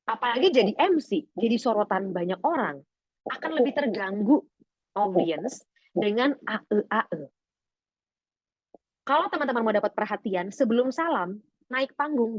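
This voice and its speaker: A woman trainer teaching public speaking in an online webinar, her voice fairly high and full of animated swings in pitch. She sounds close and dry, with the slightly dull, lo-fi sound of a video call. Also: no echo. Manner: expressive, lively, demonstrates voice exercises. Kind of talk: webinar lesson.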